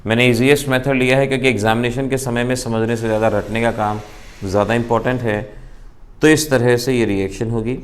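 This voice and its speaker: A man with an Indian accent giving an exam-prep chemistry lecture, explaining reaction steps in a brisk, emphatic way. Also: medium pitch, fairly even intonation. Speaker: chemistry teacher.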